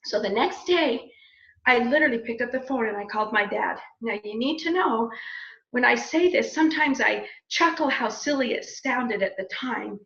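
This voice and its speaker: A woman's voice: a little high, normal speed. A woman in her fifties telling a personal story on a business call, acting out the dialogue as she goes. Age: 50s. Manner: lively storyteller, acts out quoted dialogue. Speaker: speaker on a business opportunity call. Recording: echoey room, dull lo-fi sound.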